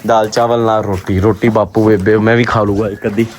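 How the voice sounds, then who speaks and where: A man's voice: on the low side, little pitch movement, a little fast. Pakistani Punjabi man vlogging, faint noise. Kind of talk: casual vlog chat.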